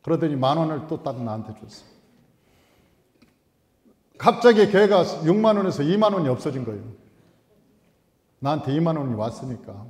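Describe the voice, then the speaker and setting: A male pastor delivering a storytelling sermon in a church sanctuary, swinging between hushed asides and loud, emphatic outbursts. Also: on the high side, sing-song, normal speed, pauses often. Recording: echoey hall.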